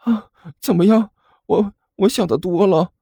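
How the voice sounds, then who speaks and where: A man voicing a brash young male apprentice who talks high, excitable and stammering in a storybook reading. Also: unhurried, gravelly, husky, no room sound, studio quality, heavily acted. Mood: excited, complaining.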